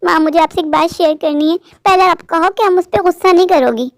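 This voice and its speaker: A woman's voice: extremely high pitch, fairly quick, no echo. A woman voicing a distressed student in a cartoon story, pleading and upset.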